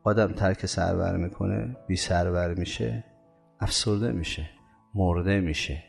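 A man preaching a religious sermon with passion, swinging from loud declarations to hushed lines and slowly drawing out the lines of poetry he recites. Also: low-pitched, steady tone, gravelly, soft background music. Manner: recites poetry in a slow drawn-out voice.

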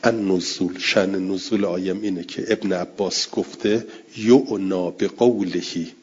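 A man's voice: sits low, steady tone, a little mellow, slight background noise. A man teaching a lesson on Quranic exegesis, reading Arabic text aloud and explaining it in casual colloquial speech. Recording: dull lo-fi recording.

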